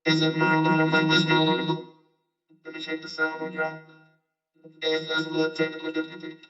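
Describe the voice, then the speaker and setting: Man on a flat, weird voice changer. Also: a little high, moderate pace, dull audio, over music. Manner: casual, checking his sound. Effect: weird voice changer still on. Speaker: host.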